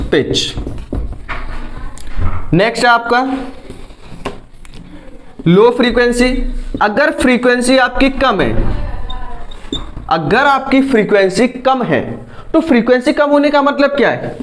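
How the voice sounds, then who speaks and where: A man, lecturing students in a lively classroom style. He keeps asking questions and answers each one himself. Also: very high voice, slight background noise. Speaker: teacher.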